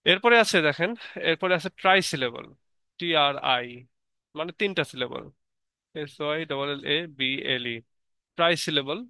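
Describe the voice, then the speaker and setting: A man teaches grammar in a bright, forceful voice that sits a little high. His delivery is crisp and resonant, and the sound is dry and close. He explains patiently, spelling words out letter by letter. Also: normal speed, pauses often, no echo. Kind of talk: explanatory lesson.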